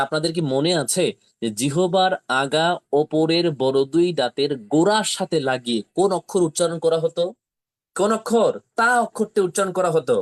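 A man teaching Quran pronunciation in Bengali, with slow, patient drills that repeat each syllable. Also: fairly high pitch. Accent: Bangladeshi Bengali. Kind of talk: step-by-step pronunciation lesson.

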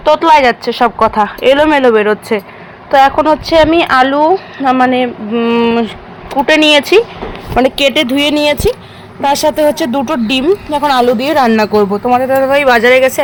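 A young woman talks quickly and chattily, straight to her viewers, while cooking in a small home kitchen. Her voice sits a little high and runs at a brisk pace. Faint household noise stays in the background. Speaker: vlogger. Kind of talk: casual home vlog chat.

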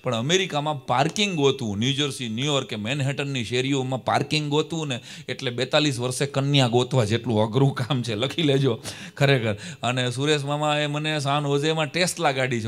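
A man telling comic stories on a live stage, acting out dialogue in lively voices. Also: mid-range voice, fast talker. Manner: animated, acts out dialogues, bursts of laughter. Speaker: stand-up comedian and storyteller. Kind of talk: live stage comedy storytelling.

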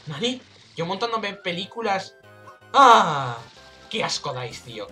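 Excitable Spanish gamer with lively bright voice. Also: male voice, high-pitched, unhurried, soft background music. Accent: Spain Spanish. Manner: excitable, jokey, exclamatory. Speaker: let's play gamer. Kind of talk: casual gameplay commentary.

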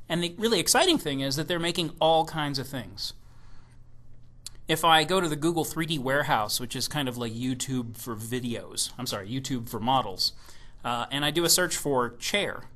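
A man with a bright, forceful voice pitched a little high delivers a recorded keynote presentation. He talks with enthusiasm and slips in playful jokes between points. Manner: enthusiastic, joking asides. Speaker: software evangelist giving a keynote.

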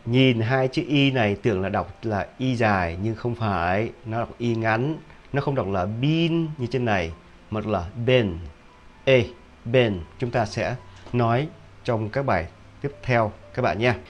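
A man teaching English pronunciation, repeating each word several times and often stopping to check with a quick question. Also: fairly low pitch, slight background noise. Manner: drills words by repetition, with frequent rhetorical "hả?" checks. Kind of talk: video pronunciation lesson.

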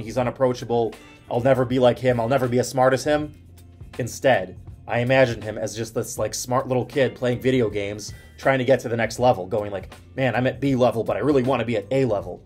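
A man in his thirties giving casual study advice to camera, telling stories in an animated way with lots of "like" fillers. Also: mid-range voice. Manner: animated storytelling with frequent "like" fillers.

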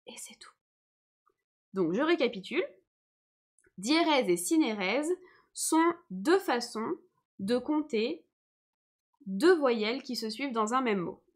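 A woman's voice: on the high side, expressive, slow pace, long pauses. A young woman teacher giving a live online lesson, explaining patiently and often checking that her viewers follow.

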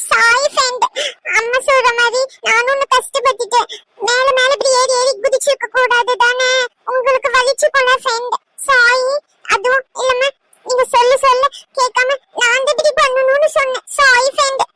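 A squeaky playful little cartoon boy. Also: flat delivery, normal speed. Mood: sorry. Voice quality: very high, squeaky child voice. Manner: sing-song counting, eager and pleading. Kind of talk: cartoon voice acting. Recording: loud background noise.

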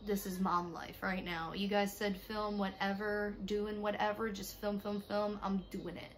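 A young woman with a raspy, stuffy voice from allergies, chatting casually to viewers in a home vlog, tired. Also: medium pitch, flat delivery, unhurried, slight background noise. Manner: chatty, talks to viewers while ordering online. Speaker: vlogger, mother. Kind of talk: casual day-in-the-life vlog. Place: home, indoors.

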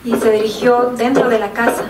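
A woman interpreting a sermon phrase by phrase in a steady voice, recorded from afar in an echoey room with background noise. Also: fairly high pitch, fairly quick, distant mic. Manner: even, steady delivery with small restarts.

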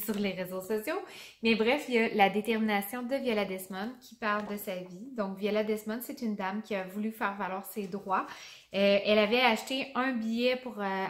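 Québécois woman teacher, young, chatty enthusiastic book vlog, roomy echoey sound. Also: medium pitch. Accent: Québécois French. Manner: chatty and enthusiastic, stumbles on names. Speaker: teacher reviewing children's books. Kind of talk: casual book review vlog. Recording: roomy echo.

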